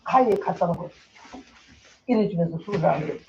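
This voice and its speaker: A woman's voice: on the low side, animated, fairly quick, creaky, highs cut off, slight background noise. Older woman preaching with dramatic storytelling. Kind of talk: sermon with personal testimony.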